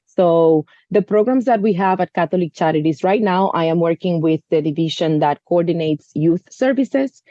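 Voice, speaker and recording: A woman in her thirties, originally from the Dominican Republic, talks sincerely as a guest on an interview. Her voice is mellow and a little low. The recording is dry and somewhat dull. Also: normal speed, hardly any pauses, no room sound. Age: 30s. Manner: earnest, earnest, with frequent "you know" fillers. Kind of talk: conversational interview.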